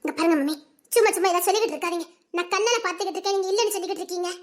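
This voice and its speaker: A woman's voice: extremely high pitch, very fast. A woman voicing a stubborn, confused young daughter who keeps protesting, with a Tirunelveli Tamil accent. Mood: insistent. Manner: insistent, protesting. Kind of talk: Tamil serial drama dialogue.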